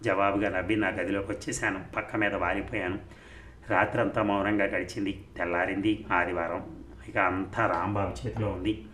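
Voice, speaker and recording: A male storyteller reads a story aloud in steady, even scripted narration. His voice sits low. The room is echoey, with a faint hiss behind him. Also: normal speed. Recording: roomy recording, faint noise.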